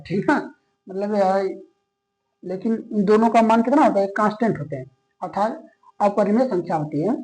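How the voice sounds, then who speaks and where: A man's voice: high voice, darkish tone, low-quality recording. A man teaching a maths lesson, explaining step by step in a patient way, often stopping to check that students are following and mixing English maths terms into his sentences. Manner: patient, checks in constantly with "okay?". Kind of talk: classroom lecture.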